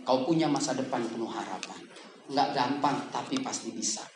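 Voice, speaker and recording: A man preaching a lively, joking sermon to young people in a casual manner, with sudden loud bursts. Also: medium pitch, normal speed. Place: church hall. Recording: echoey hall with background noise.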